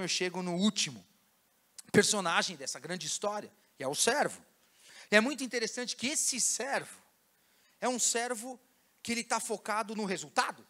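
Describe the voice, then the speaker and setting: A man preaching a sermon as a pastor in a church, telling stories in a casual, slangy, animated way. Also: high voice. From Brazil. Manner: animated storytelling, slangy and casual, acting out scenes.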